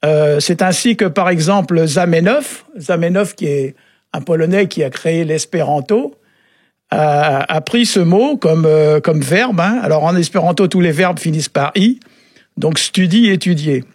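Male radio language expert, husky and halting, very dry sound. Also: a little high, no echo. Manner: halting, often adds "hein" and "euh". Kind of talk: relaxed explanatory radio chat.

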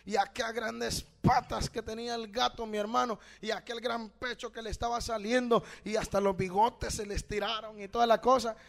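High-pitched guy preaching hard, goes loud then hushed, keeps saying brother and asking questions. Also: level tone, normal speed, creaky, few pauses. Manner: fervent, swinging between loud exhortation and hushed storytelling; addresses listeners as brother, asks rhetorical questions. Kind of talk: evangelical sermon.

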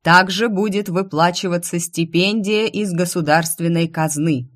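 A woman voicing a loud, pompous male town crier making royal proclamations in an audiobook. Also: a little slow. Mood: proclaiming. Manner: booming proclamations.

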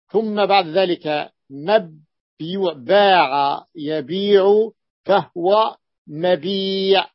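A man from the Levant teaching Arabic morphology, who repeats key words slowly and thinks aloud with fillers. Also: sits high, no echo. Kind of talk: classroom lesson explaining a text. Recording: dull lo-fi dry recording.

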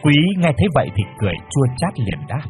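A man narrating a family story in a measured, expressive scripted reading. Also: mid-range voice, over music.

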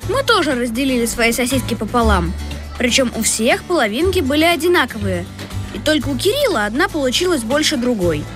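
A woman reading a children's story aloud in the first person, in a lively storytelling manner. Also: sits high, fairly quick. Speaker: audiobook narrator. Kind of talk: scripted first-person narration. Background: music.

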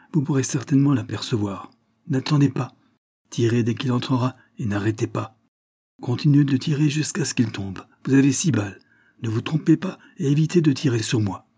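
Give me a weary wounded drifter murmuring calm orders in a mellow low voice, as a man reads him. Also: slightly rough. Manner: terse, low murmured commands.

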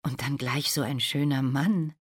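A woman's voice: very deep voice, fairly even intonation, a little slow, slightly rough, heavily acted. A woman voicing a shy, timid young servant girl at a royal ball in a storybook reading. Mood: flustered.

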